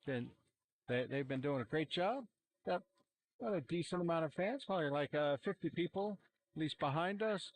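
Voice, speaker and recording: A man calling a high school football game, relaxed and rambling with plenty of fillers. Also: moderate pace, no room sound. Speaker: play-by-play commentator. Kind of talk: amateur sports commentary. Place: outdoor football stadium sideline. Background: cheering fans.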